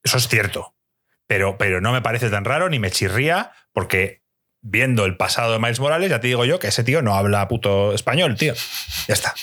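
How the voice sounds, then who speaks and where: A man's voice: mid-range voice, expressive, a bit bright. A man with a Spain Spanish accent, arguing back with examples as a podcast co-host in heated casual chat. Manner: argumentative, quick to counter with examples.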